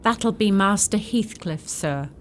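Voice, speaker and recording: This actress voices an elderly servant in a radio drama, a long-time housekeeper who is grave and deferential, speaking matter-of-factly. She uses a slow, expressive mid-range voice, recorded with faint background noise.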